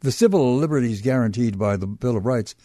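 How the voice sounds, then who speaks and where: A man hosting a radio talk show, asking probing questions in a measured way and summarizing his guest's points. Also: medium pitch, mellow, no echo, studio quality. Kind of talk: radio interview. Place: radio studio.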